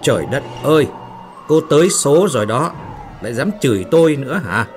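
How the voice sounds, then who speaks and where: A man doing a gruff, bullying foreman. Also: mid-range voice, lively intonation, brisk, music in the background, lightly acted. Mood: angry. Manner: gruff and barking. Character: hot-tempered, bullying male foreman.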